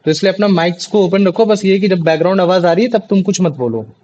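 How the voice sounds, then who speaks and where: A man's voice: high-pitched, fast talker, darkish tone. A young man tutoring a class over a video call, chatty and checking often that students follow. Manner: chatty, repeats checking questions. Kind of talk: online class teaching. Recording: dull lo-fi online call audio.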